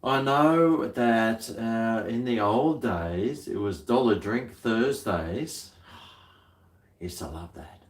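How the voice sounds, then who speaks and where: The recording sounds roomy and echoey as a middle-aged livestream host with an Australian accent chats casually. His voice is on the low side and slow, and his manner is laid-back, blokey and full of slang.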